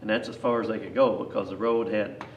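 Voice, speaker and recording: An older man with a lowish voice tells a rambling grandpa story. He is folksy and plain-spoken, backtracking as he reminisces. The recording is echoey, with the microphone some distance away. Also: steady tone, fast talker, dull audio. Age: 60s or older. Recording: echoey, distant mic, faint noise.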